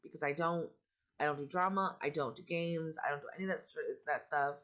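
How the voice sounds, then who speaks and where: Growly-voiced middle-aged woman, low-fi recording. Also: fairly even intonation, a little fast, a bit bright, lo-fi sound. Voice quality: growly, allergy-affected voice. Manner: candid, rambling, matter-of-fact. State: voice roughened by allergies. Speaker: vlogger and foster parent. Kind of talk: casual personal vlog talk.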